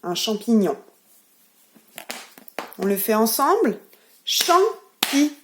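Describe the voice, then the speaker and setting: A woman with a French accent teaches young children from a distance, her fairly high voice rising and falling in wide, sing-song swoops. She speaks slowly and gently, sounding out each word with care. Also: big pitch swings, a little hiss or hum. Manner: slow, gentle and clearly articulated, leading children through syllable clapping. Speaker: preschool teacher. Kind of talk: remote lesson for young children.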